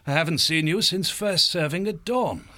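A man's voice: fairly high pitch, moderate pace, dry recording, voice pushed up. A man voicing a kindly, hospitable male abbey father in an audiobook, with a fatherly, welcoming manner. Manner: warm-hearted, welcoming, fatherly.

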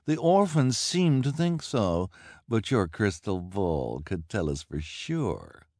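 A man's voice: lowish voice, very animated, slow, a little mellow, dry recording, studio quality, voice pushed up, full character voice. A man voicing a haughty, greedy villainous woman who talks in a spoiled, demanding way.

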